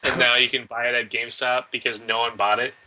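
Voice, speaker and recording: A man's voice: medium pitch, level tone, fast talker, background noise. A young man co-hosting a casual gaming stream, giving short replies and laughing often. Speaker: co-host. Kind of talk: casual live-stream chat.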